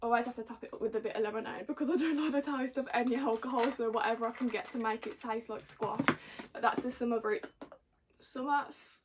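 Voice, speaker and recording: A young woman chats to camera in a fairly high voice. She sounds tipsy and giggly, rambling along in casual slang and poking fun at herself. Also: fairly even intonation, fast, a little hiss or hum. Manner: rambling, slangy, self-mocking. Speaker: vlogger.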